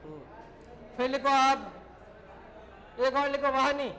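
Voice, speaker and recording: A man's voice: extremely high pitch, lively intonation, slow pace, sharp tone, rough recording. A male teacher giving a classroom grammar lesson, dictating words and explaining them in short, repeated phrases.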